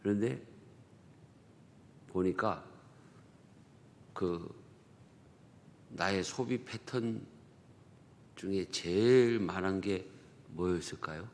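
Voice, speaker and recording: In a church sanctuary with long hall reverb, a male pastor with a Chungcheong Korean accent delivers a dawn prayer sermon conversationally, packed with rhetorical questions and dialect jokes. His low voice moves slowly with frequent pauses, over slight background noise.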